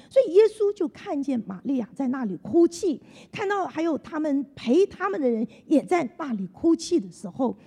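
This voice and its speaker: A woman's voice: sits high, mellow, husky. A woman preaching a sermon in an earnest tone, repeating her key phrases. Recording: long hall reverb.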